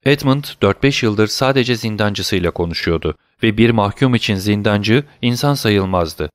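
A man reading a classic novel aloud as audiobook narration, in an even, measured manner. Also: fairly low pitch, no room sound, clean studio sound.

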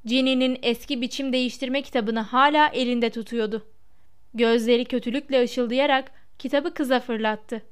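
A woman reads a storybook aloud with measured, expressive pacing. Her voice is high and strikingly clear, almost crystalline in tone. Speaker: audiobook narrator. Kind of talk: storybook narration.

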